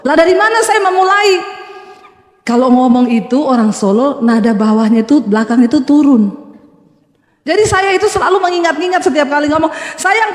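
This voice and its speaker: High-voiced woman preaching with a Sulawesi accent. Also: darkish tone. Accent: Sulawesi Indonesian. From Sulawesi, Indonesia. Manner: humorous storytelling, addresses congregation. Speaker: pastor. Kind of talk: sermon. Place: church hall. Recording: echoey church hall, long reverb.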